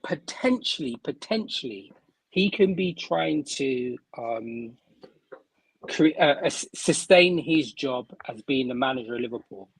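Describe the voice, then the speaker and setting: A man hosting a casual live-stream football chat, animated and repeating words as he builds his point. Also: medium pitch, a little slow, gravelly, husky, dry recording, poor audio. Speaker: host. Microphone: remote stream mic.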